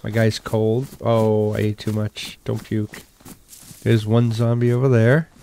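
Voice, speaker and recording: A man's voice: lowish voice, unhurried, vocal fry, a little hiss or hum. An older man with a Boston accent, casually commentating a survival game he is playing, muttering to himself as he loots. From New England. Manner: relaxed, muttering to himself while looting. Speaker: gaming YouTuber.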